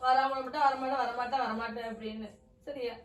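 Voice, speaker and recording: A middle-aged mother speaks through tears in a high voice, pleading and complaining about the chores. She sounds a little way from the mic, and the home around her is echoey and roomy. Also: steady tone, a little fast, far from the mic. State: crying. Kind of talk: family prank video argument. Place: home, indoors.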